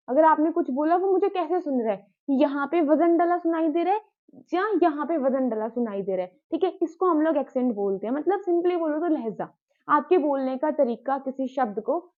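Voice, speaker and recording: A woman teacher gives a patient spoken-lesson, repeating key words and talking straight to her students. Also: high-pitched. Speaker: English teacher. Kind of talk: explanatory spoken-English lesson. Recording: tinny phone-like sound.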